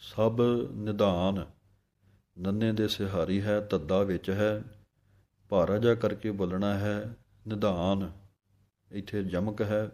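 Low, mellow-voiced man teaching recitation. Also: fairly even intonation. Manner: alternates slow chanted recitation with quicker spoken explanation. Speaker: scripture pronunciation teacher. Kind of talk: recitation lesson.

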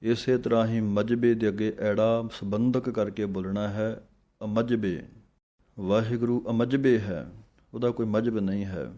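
A man teaching scripture recitation, chanting verses slowly, then quickly explaining the correct pronunciation. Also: on the low side, fairly even intonation, dark tone. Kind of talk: slow recitation with pronunciation guidance.

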